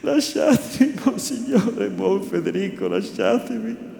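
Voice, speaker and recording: A man voicing a tormented, repentant nobleman who shouts and pleads in anguish, as a theatrical reading. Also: sits high, lively intonation, measured pace, vocal fry, voice pushed up, exaggerated voice. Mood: pleading. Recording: echoey room with background noise.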